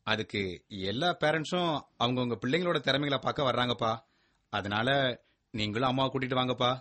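A man's voice: mid-range voice, a little fast, bright, forceful tone, lightly acted. An actor playing a lonely, sulky young college student who pleads with his busy parents. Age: young adult. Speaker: student son.

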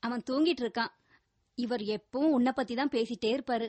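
A woman's voice: on the high side, a little fast, a little mellow, no room sound, natural voice. An actress playing a young wife and mother who scolds her husband with teasing reproach. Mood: welcoming. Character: warm but sharp-tongued young wife and mother.

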